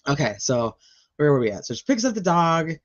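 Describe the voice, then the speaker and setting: A woman's voice: low voice, highs cut off. A woman hosting a true crime channel, casually recapping trial testimony in a rambling, chatty way full of fillers.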